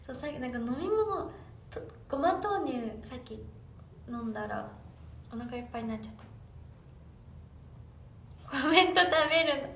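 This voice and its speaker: A bubbly young woman with a high voice chats on a phone livestream, reading out fan comments and giggling as she answers. She sits a little off the mic in a roomy, echoing room with a faint hum of noise behind her. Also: lively intonation, fairly quick, darkish tone, far from the mic. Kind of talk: casual livestream chat.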